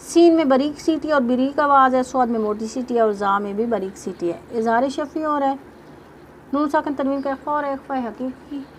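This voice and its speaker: A woman teaching tajweed, explaining each rule step by step and reciting verses slowly in a drawn-out melodic voice. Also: sits high, fairly even intonation, slight background noise.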